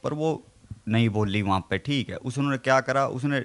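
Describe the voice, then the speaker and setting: A man giving a halting account in a local news interview, repeating a filler between phrases. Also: medium pitch.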